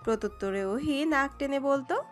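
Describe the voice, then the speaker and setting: A woman reading a romantic story aloud in an expressive, dramatic narration. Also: high-pitched, moderate pace. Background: soft background music.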